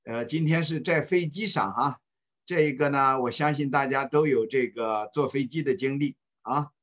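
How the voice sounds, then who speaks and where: A man teaching an online English class, speaking slowly and patiently and repeating phrases for students to follow. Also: medium pitch, a bit bright. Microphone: video call.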